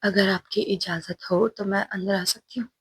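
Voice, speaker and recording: A cheerful, clingy young student, as a woman storyteller puts her on, speaking sweetly and teasingly. The tone is soft, very breathy and husky. The recording is dry and close. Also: medium pitch, steady tone, moderate pace, no echo. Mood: sweet pleading.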